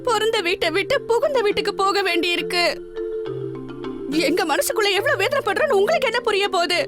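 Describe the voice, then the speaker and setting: Weepy middle-aged mom, very high voice, music under it. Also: female voice, fast talker. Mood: tearful. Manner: tearful, emotional. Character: soft-hearted middle-aged mother, easily crying. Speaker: mother, mother-in-law. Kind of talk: TV serial acting. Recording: TV drama with music behind.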